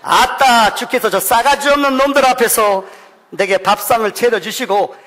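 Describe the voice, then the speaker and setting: A man putting on an excitable Jeolla man who speaks in a loud, high, exclamatory voice. He stays husky throughout, and the sound rings in a long church hall. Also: normal speed. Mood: exclaiming. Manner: exclamatory, animated dialect.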